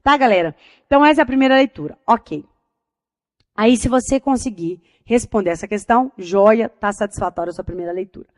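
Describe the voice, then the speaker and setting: A high-voiced Brazilian woman teaching with lively energy and a chatty, direct way of talking to her students. Her voice sounds dry and close, with no room echo. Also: fairly quick. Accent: Brazilian Portuguese. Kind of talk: lively classroom lecture.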